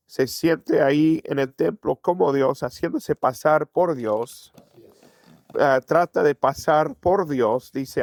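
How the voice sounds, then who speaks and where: A man's voice: a little high, creaky, darkish tone, dry recording, studio quality. A man preaching a sermon as pastor, often asking his congregation rhetorical questions.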